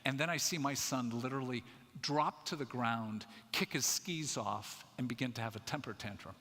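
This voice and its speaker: Bright-voiced older man telling stories. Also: mid-range voice, moderate pace. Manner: animated, self-mocking storytelling with quoted voices. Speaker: conference speaker. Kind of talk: storytelling talk. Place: church sanctuary. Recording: echoey church hall.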